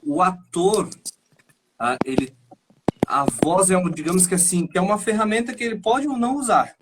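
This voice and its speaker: A man who acts and teaches singing, explaining his ideas in an animated, thinking-aloud way as a guest on a live stream over a video call. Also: high voice, normal speed, heavy background noise. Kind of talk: casual chat.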